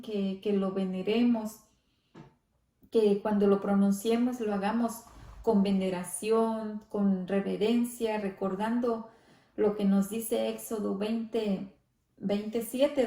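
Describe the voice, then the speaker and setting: A woman leading a church Bible study, speaking slowly and reverently, often adding amén and gloria a Dios. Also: mid-range voice, mellow, roomy sound. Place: church hall.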